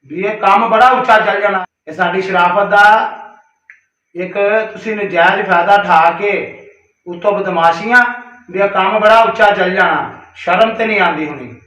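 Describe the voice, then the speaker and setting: Heard on a dull, distant and roomy call recording, a caller leaves a personal message in a high, pushed and bright voice at normal speed. Aggrieved and reproachful, he speaks directly to someone, emphatically repeating himself.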